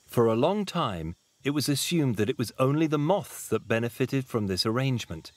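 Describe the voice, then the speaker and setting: Guy doing nature documentary voiceover, middle pitch, lots of rise and fall. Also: lively intonation, moderate pace, no echo. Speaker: narrator. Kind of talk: nature documentary narration, scripted. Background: music.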